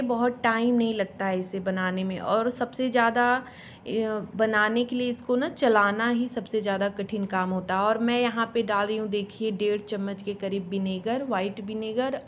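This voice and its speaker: A woman's voice: mid-range voice, fairly even intonation, moderate pace, a little hiss or hum. A woman, a mother, narrating her home vlog in a chatty, explanatory way with homely asides. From India. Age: adult mother. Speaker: home vlogger. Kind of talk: casual voice-over narration of a home cooking and cleaning vlog.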